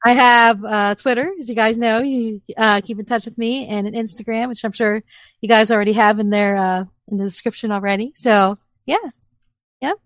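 A bubbly woman guest chats on a podcast in a fairly high voice, laughing often. The sound is dry and close, with no room around it. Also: steady tone, moderate pace, fairly bright tone, no echo. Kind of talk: casual chat.

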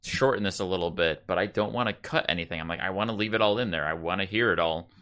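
A man's voice: deep voice, fast talker, bright, forceful tone, clear, resonant tone. A man hosting a podcast, talking casually and leading the wrap-up. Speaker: podcast host. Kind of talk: casual chat.

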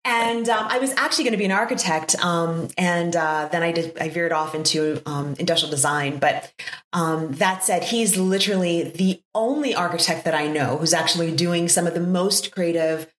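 A woman in her fifties hosting a conversation, speaking warmly and effusively with many fillers. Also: fairly low pitch, moderate pace. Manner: warm and effusive, with lots of fillers. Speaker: podcast host. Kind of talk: casual interview conversation. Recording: echoey room.

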